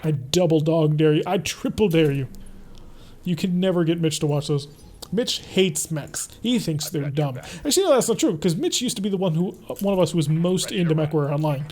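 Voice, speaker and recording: Animated and a little quick, his high, darkish voice carries casual commentary over a mech strategy game he's streaming. The young man is chatty, reading and replying to viewers in his live chat while he plays.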